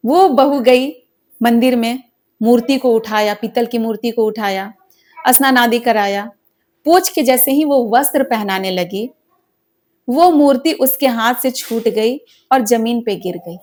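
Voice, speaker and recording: A woman's voice: a little high, measured pace, a little mellow. A woman narrating a devotional folk story in an earnest, dramatic way.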